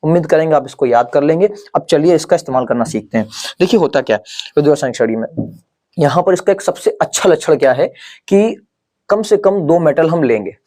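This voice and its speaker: Mellow-voiced man teaching chemistry. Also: a little high, animated. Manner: checks in with "clear?" and "ok?" after each point; slows right down to spell out mnemonics syllable by syllable. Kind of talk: exam-prep lecture with memory tricks.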